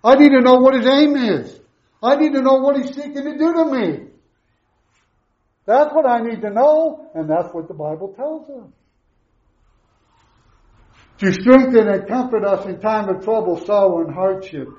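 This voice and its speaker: A man's voice: extremely high pitch, expressive, moderate pace, darkish tone. A middle-aged man preaching a sermon through a face mask, emphatic, with repeated questions and short answers. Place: echoey room, preaching to a congregation. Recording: roomy echo, slightly muffled sound.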